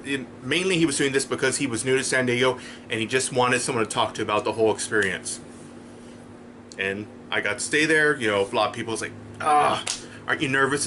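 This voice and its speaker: A man's voice: mid-range voice, sharp tone, a little hiss or hum. A man casually telling a personal story in his vlog, holding up items for the camera. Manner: chatty, rambling, shows items to camera. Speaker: vlogger.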